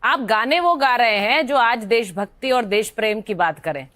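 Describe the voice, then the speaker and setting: A woman's voice: fairly high pitch, lively intonation, moderate pace, fairly bright tone, no room sound. Persistent female interviewer, dry sound. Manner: persistent, confrontational. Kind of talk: pointed interview questioning.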